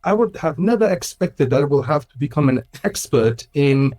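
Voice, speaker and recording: A man's voice: a little high, animated, moderate pace, a little mellow. Thoughtful Swiss-raised man in conversation. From Switzerland. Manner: thoughtful, with frequent restarts and laughs. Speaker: guest, Islamic school director. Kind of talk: casual conversational interview.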